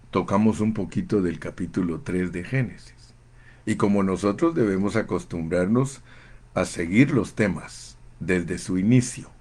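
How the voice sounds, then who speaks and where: A man preaching a sermon in a slow, emphatic, fervent way, often calling his listeners brother. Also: sits low, a little mellow. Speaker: pastor.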